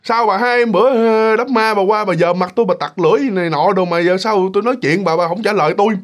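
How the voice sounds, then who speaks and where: A man's voice: high voice, fast talker, close to an everyday voice. A man with a Southern Vietnamese accent voicing a teasing male ghost, speaking in a jokey, mock-innocent way. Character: teasing male ghost of a dead neighbor, glowing.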